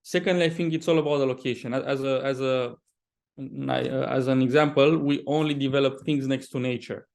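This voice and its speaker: Male, Romanian accent, medium pitch, conversational, halting, repeats words, interview guest. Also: steady tone, gravelly, darkish tone. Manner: halting, often repeats words mid-sentence. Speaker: property developer, podcast guest.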